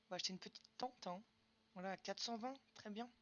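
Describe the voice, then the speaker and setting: Casual young woman gamer talking to her chat, bright voice, slightly muffled recording. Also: medium pitch, fast. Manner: chatty, answers chat questions, frequent fillers and "hop". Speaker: streamer. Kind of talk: casual live-stream chat while gaming.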